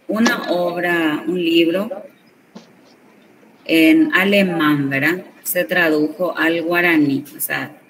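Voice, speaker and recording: Her voice sits low as this Guarani teacher walks her class through the lesson at a slow, explanatory pace, often adding tag questions to make sure everyone understands. Faint background noise comes through on a recording taken from some distance.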